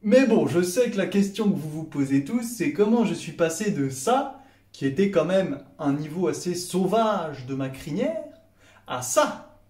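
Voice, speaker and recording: Animated young Frenchman in an echoey room. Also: sits high, a little slow. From France. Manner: sarcastic, animated, acts out dialogue. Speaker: comedy vlogger. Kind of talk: comedic storytelling monologue.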